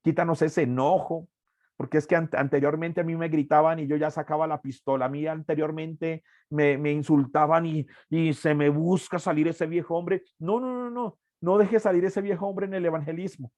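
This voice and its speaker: A man's voice: fairly high pitch, little pitch movement, brisk, few pauses, a little mellow, no echo. A man teaching an evangelism workshop as a preacher, earnest and emphatic, repeating key phrases.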